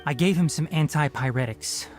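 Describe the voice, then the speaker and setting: An actor playing a stern but caring young male forest watcher in a video game, brisk, matter-of-fact and gently scolding. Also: on the high side, natural voice. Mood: concerned. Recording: game audio with background music.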